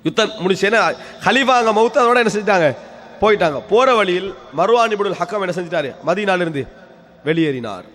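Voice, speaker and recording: Guy preaching, fairly high voice, keeps asking questions then answering them, big echoey hall. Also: lively intonation, quick pace, a bit bright. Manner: rhetorical questions answered himself; storytelling, repeats key phrases. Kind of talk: weekly religious lecture. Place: mosque hall. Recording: long hall reverb.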